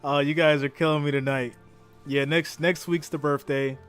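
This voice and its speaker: A man's voice: on the high side, little pitch movement, moderate pace, a bit bright, soft background music. A man in his thirties hosting a live reaction stream, chatting casually with viewers and often repeating and restarting his words. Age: 30s.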